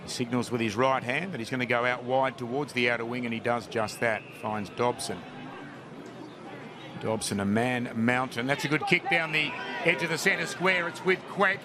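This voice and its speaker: A man's voice: mid-range voice, steady tone, normal speed. An Australian male commentator giving a running, descriptive play-by-play of live football. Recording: crowd and noise behind live commentary. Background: crowd at outdoor ground.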